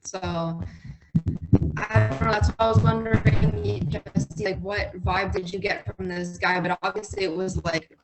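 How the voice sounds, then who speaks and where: A woman's voice: mid-range voice, fairly even intonation, a little slow, over music, poor audio. A woman co-hosting a podcast in casual chat, talking hesitantly and trailing off with many fillers. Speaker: podcast co-host.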